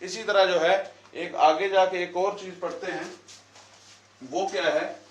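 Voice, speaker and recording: A man's voice: high-pitched, fairly even intonation, unhurried. A man teaching a Quran lesson at a whiteboard in a classroom, quizzing the class and repeating their answers. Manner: asks questions and repeats the answers. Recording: echoey room, voice from far off.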